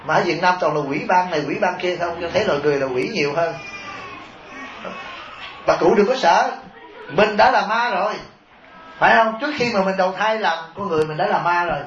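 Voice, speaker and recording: A man's voice: high voice, fairly quick, pauses often, a bit bright, slight background noise. A man, a Buddhist monk giving a humorous sermon, often chuckling and asking his listeners rhetorical questions. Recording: echoey, dull taped sermon recording.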